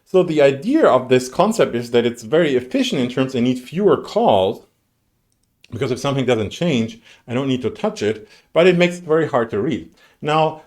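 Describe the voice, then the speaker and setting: A man's voice: medium pitch, darkish tone. A man giving a university lecture, talking conversationally with many fillers, restarts and dry sarcasm. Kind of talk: recorded lecture on graphics programming. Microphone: streamed lecture mic.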